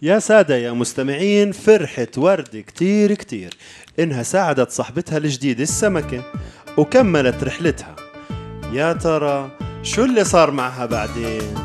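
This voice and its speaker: A male storyteller with a Levantine Arabic accent and a fairly high voice. He narrates for children in a theatrical way, with very lively intonation over light music. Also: brisk.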